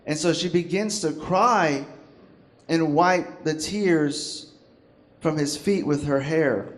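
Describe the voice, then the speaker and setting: A male pastor delivers a sermon in a church, with a chatty, animated delivery full of jokes and little acted-out quotes. His voice sits a bit high for a man. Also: slow pace. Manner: animated, conversational and joking, acts out quotes.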